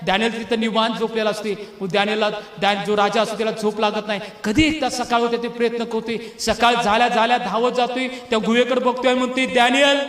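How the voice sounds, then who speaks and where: A man preaching a fervent sermon as pastor, often rising to shouts. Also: very high-pitched, level tone, fast, few pauses. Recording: echoey hall with long reverb.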